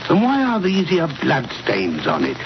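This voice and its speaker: A blustering, stubborn English police inspector, throws his authority around in blunt everyday speech. His voice is a little high and swings widely. The old radio drama recording is muffled. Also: wildly swooping pitch, measured pace, noisy background, full character voice. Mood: suspicious, questioning. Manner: officious, blunt, colloquial. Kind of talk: 1940s radio drama acting.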